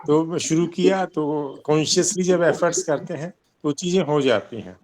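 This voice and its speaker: A man's voice: fairly high pitch, moderate pace, a little mellow, slight background noise. A man speaking plainly and sincerely as a student in a class. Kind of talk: casual sharing in class.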